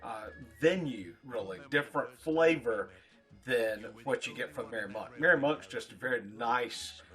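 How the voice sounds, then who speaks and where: A man giving a casual, rambling product review in short, halting phrases, as a reviewer talking to his viewers. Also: mid-range voice, pushed and bright, faint music behind. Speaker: pipe tobacco reviewer.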